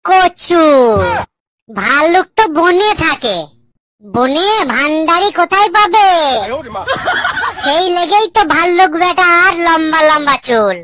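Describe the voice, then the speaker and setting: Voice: extremely high pitch, lively intonation, slow pace, long pauses, a loud crowd, exaggerated voice. A voice actor playing cheeky schoolboys in a cartoon, giving smart-alecky answers to the teacher.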